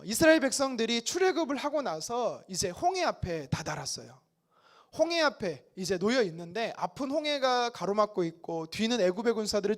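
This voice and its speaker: A male pastor preaches in a high, bright-pitched voice that rises and falls a lot. He talks to the congregation in a conversational way and slips into complaining voices to act out the people in the text. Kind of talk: sermon. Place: church sanctuary.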